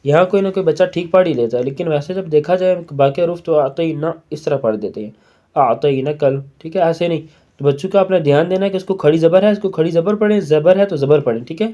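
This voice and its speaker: A man with a Pakistani Urdu accent teaches Quran recitation in a mellow, fairly high voice. He draws each syllable out slowly, then explains in quick asides. The recording sounds dull and lo-fi. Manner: slow drawn-out recitation alternating with quick explanations.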